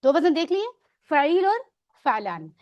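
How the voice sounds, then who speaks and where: A woman's voice: high-pitched, sing-song, a little mellow, lo-fi sound. A woman teaching a grammar lesson, patiently quizzing her students on words and mixing English words into her explanations. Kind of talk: online Arabic grammar lesson.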